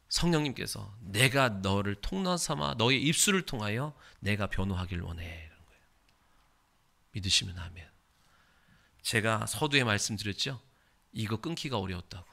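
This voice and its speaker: A male pastor preaching a sermon and leading a closing prayer, emphatic, swelling louder in prayer. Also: on the low side.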